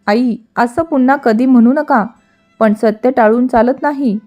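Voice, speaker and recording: A woman's voice: on the high side, a little slow, warm tone, soft background music, lightly acted. A woman reading a steadfast young wife. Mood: earnest. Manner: earnest, firm.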